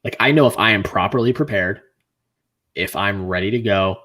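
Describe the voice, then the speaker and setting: A man hosting a livestream, chatting casually in an earnest, rambling way that grows animated when he is frustrated. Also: fairly low pitch, moderate pace. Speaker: livestream host.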